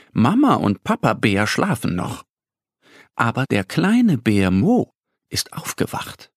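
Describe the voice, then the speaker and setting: A man narrating a children's audio story in a gentle storytelling manner with a husky voice. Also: mid-range voice, no echo, studio quality.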